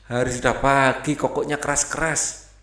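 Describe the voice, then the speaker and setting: A man's voice: mid-range voice, little pitch movement, normal speed, a bit bright, roomy sound. A man teaching a primary school textbook lesson in a casual, chatty way, reading aloud and mixing in English words.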